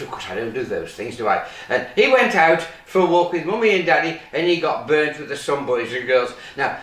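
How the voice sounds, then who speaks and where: A man with a fairly high, fairly bright voice performs as a kids' party magician and children's host. He tells stories in simple, repeated phrases, with exaggerated mock surprise and pantomime questions. The distant microphone picks up a roomy echo.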